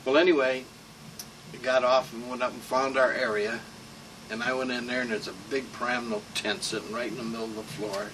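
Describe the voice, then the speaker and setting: Elderly American veteran reminiscing, distant mic. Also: male voice, mid-range voice, little pitch movement, brisk, fairly bright tone. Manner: old veteran remembering, rambling anecdotes with salty asides. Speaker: war veteran being interviewed. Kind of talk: informal oral-history reminiscence. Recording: distant mic with room hum.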